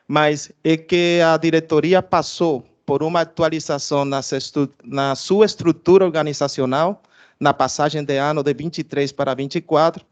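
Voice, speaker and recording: A research director from Cuba, speaking with a Cuban Spanish accent, gives an institutional presentation to an audience. His voice is smooth, resonant, and a little higher than most men's, and he often hesitates, filling pauses with drawn-out sounds. The audio is dull and lo-fi.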